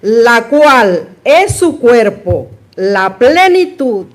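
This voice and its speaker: A woman's voice: a little high, sing-song, very slow. A woman helping in a sermon, repeating short verse phrases on cue in call-and-response. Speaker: congregation helper reciting verses. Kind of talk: slow call-and-response recitation.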